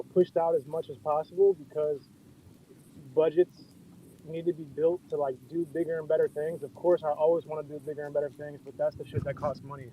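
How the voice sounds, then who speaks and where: A man's voice: on the high side, mellow, a little hiss or hum. A man speaking over a car Bluetooth headset while driving in the rain, chatting in a laid-back, loose way and swearing casually. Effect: muffled car Bluetooth headset mic. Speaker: project founder on a live audio chat. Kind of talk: casual chat.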